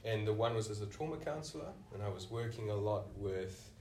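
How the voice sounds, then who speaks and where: A senior clinician with a South African accent answers a podcast interviewer thoughtfully, often restarting his sentences with "you know." His fairly low, dark voice moves quickly with lively intonation. He sits off-mic in an echoey room, with a little hiss or hum in the background.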